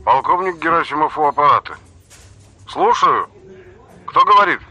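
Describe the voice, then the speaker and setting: A clipped, official police colonel , played by a man, barks short replies down an old candlestick telephone line. The voice is thin and very bright, pitched high and tight. It sounds like a period radio play. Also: lively intonation, normal speed, exaggerated voice. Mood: brisk. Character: brisk male police colonel on the phone.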